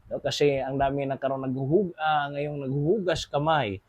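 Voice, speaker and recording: A man's voice: medium pitch, fairly even intonation, normal speed, a little mellow, no echo, muffled recording. A man with a Filipino accent giving casual news commentary as a show host, constantly addressing his audience and using many fillers.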